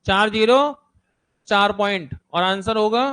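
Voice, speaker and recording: A man's voice: high-pitched, steady tone, unhurried, bright, forceful tone, clear, resonant tone. A man teaching a maths class to seated students, repeating numbers and steps aloud and checking that students follow.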